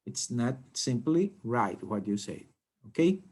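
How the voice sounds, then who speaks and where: A man teaching an English grammar lesson, explaining slowly and deliberately and often checking in with the class. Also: mid-range voice, big pitch swings, darkish tone.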